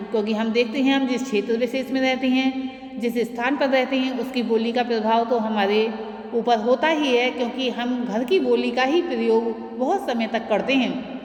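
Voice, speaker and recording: A woman's voice: a little high, a little mellow. Woman teacher lecturing in an echoey room. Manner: explains slowly, stressing example words. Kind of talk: classroom lecture. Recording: echoey room with long reverb.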